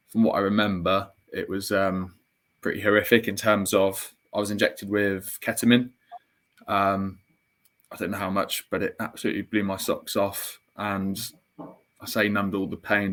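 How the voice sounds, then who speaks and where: A young man with a somewhat low voice, speaking as an interview guest. He recounts a personal story in a candid, reflective way. His speech is full of "um"s, "kind of"s and restarted sentences. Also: fairly bright tone.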